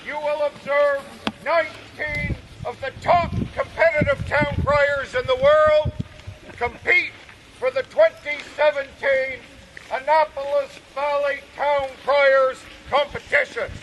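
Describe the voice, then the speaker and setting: A man proclaiming as a town crier, declaiming in drawn-out, projected phrases over a noisy outdoor recording. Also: extremely high pitch, level tone.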